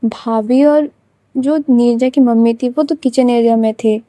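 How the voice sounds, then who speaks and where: A woman's voice: fairly high pitch, fairly even intonation, a little slow, mellow, no room sound. A woman narrating an emotional love story in a conversational, dramatic way.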